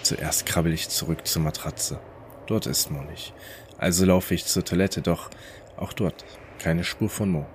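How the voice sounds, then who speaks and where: Male narrator, very low voice, calm first-person storytelling, faint hiss. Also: measured pace.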